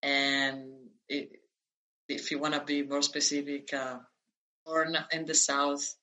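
A woman in her thirties, born in Italy, is a guest in a relaxed, conversational interview, speaking slowly and hesitantly with many fillers and restarts. Her voice is slightly low yet bright and forward, her delivery flat, and the recording rough.

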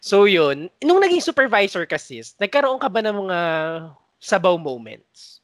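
A woman's voice: medium pitch, very animated, measured pace, no echo. A Filipino woman co-hosting a podcast, recalling old work stories in casual chat, laughing often and mimicking coworkers. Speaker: podcast co-host.

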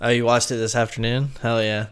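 A man's voice: mid-range voice, little pitch movement, brisk, clean tone. A man hosting a casual podcast about fights, easygoing and agreeable as he steers the talk along. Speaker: podcast host. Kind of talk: casual sports chat.

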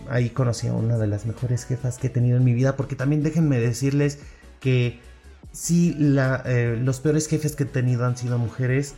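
Young Mexican guy, mid-pitch, animated rant vlog, soft music under it. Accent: Mexican Spanish. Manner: animated, mimics bosses in high mocking voice. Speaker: social media manager. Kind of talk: casual storytelling rant.

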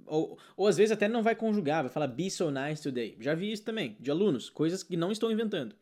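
A man teaching an online English lesson, talking in an energetic, excitable way. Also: sits high, racing.

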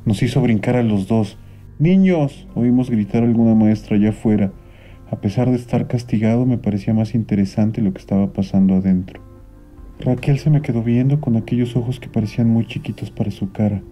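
A man, reading a children's story aloud in an expressive, animated way. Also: on the low side, fairly quick. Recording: dull lo-fi sound with faint music.

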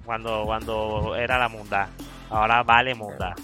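A man's voice: on the low side, little pitch movement, normal speed, bright, forceful tone. A man with a Colombian Caribbean accent hosting a casual music podcast, talking in a slangy, profane, emphatic way. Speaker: podcast host.

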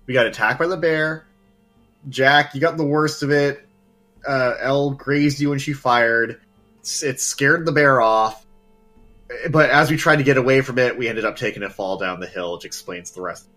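Halting man playing a tabletop game. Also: medium pitch, bright, forceful tone, soft background music. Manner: halting, repeats words. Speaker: player. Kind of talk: casual tabletop game play.

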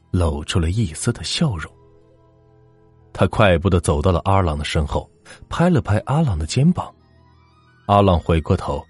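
Deep, husky male storyteller with lively delivery and faint music behind. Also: dry recording. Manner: dramatic, suspenseful narration. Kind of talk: scripted ghost-story narration.

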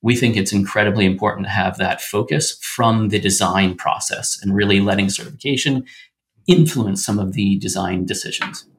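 A man answering interview questions as a startup founder, in upbeat, casual tech-bro pitch talk full of business jargon. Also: moderate pace.

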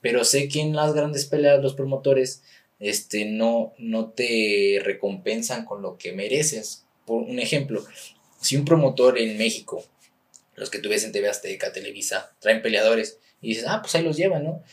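A young man with a Mexican accent, a boxer being interviewed, talking in a relaxed, rambling way with many fillers. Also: mid-range voice, normal speed. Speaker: guest, professional boxer. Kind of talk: casual interview chat.

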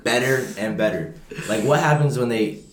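A young man co-hosting a casual podcast chat, excitable and slangy, calling everyone bro. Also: mid-range voice, normal speed, slight background noise. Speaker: podcast co-host. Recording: roomy echo.

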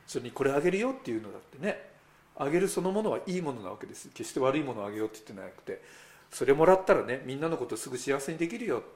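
Male pastor with a mid-pitched voice, preaching in a conversational sermon style with asides to the listeners. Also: sing-song, rapid-fire, darkish tone. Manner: conversational, with rhetorical asides to the congregation.

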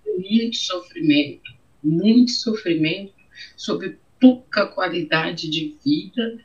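A middle-aged woman with a Brazilian accent tells her own story in an interview, speaking slowly in a voice on the low side. She is emotional and repeats her phrases, and the audio sounds dull and muffled.

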